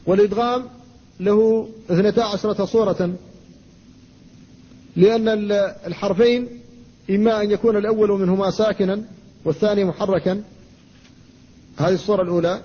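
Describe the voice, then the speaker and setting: High-voiced man teaching, lo-fi recording. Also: fairly even intonation, mellow, husky. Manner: measured teaching, recites verses slowly, pauses to answer students. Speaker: Islamic scholar teaching Quran recitation. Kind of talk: classroom lecture explaining a poem. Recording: dull lo-fi lecture recording with faint noise.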